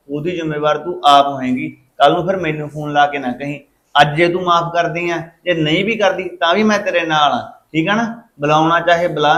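A man's voice: on the high side, fairly bright tone, roomy sound, highs cut off, lightly acted. A man playing a stern soldier son. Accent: Punjabi. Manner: scolding, lecturing. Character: stern soldier son, young adult man, quick-tempered. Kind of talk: Punjabi short film acting.

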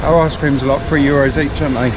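A man's voice: fairly high pitch, fairly even intonation, fast talker, muffled recording, very noisy. A man filming a casual travel vlog outdoors in a town, chatty and blunt, talking to a handheld camera. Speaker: vlogger.

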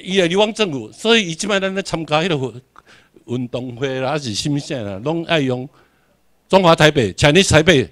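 Taiwanese guy lecturing a class, kinda high voice, asks stuff then answers it, hammers words over and over. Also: a bit bright. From Tainan, Taiwan. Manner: asks rhetorical questions and answers them himself; emphatic, repeats key words for drilling.

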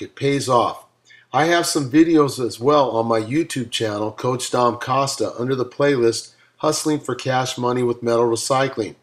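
A man reading his own audiobook aloud in an upbeat, motivational coaching manner, with casual asides. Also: medium pitch. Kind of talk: self-read audiobook narration.

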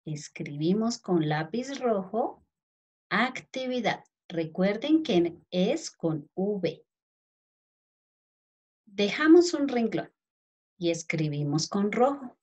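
Slow, lively-voiced teacher dictating to kids. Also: female voice, medium pitch, breathy edge. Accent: Colombian Spanish. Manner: dictates word by word, spelling out letters; affectionate toward pupils. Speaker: primary school teacher. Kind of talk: slow dictation to young children.

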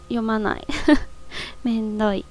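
A woman's voice: fairly high pitch, slow, a little mellow, poor audio. A woman playing a story game and making casual, joking asides between the lines she reads. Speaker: game streamer. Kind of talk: let's play commentary.

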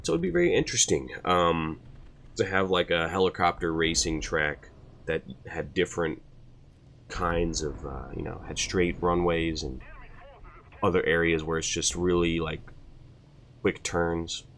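A young man hosts his own channel, answering viewer questions in a casual Q&A chat. His voice is low and unhurried with a fairly bright tone, and he rambles loosely, uses many fillers, and laughs at himself. There's a slight hiss or hum in the audio.

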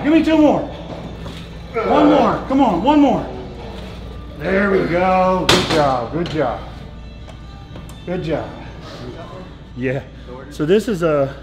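A middle-aged man coaching in a big indoor gym, loudly counting reps and pushing his partners, then talking calmly about the equipment. His voice is a little high for a man. It echoes around the room over loud gym music. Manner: loud rep-counting encouragement. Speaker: trainer coaching a leg workout. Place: large busy indoor gym.

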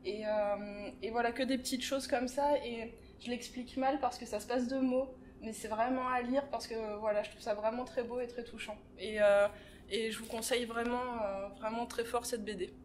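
A woman recommending a comic book in a library video, thoughtful and pausing on fillers. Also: fairly high pitch, fairly even intonation, slight background noise. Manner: warm, thoughtful, hesitant with fillers. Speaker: library presenter. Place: library, indoors.

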